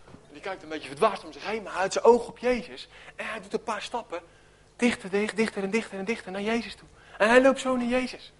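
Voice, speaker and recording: Very high-voiced man preaching animatedly. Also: a little fast. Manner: animated storytelling, acts out voices, drops to near whisper. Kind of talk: sermon.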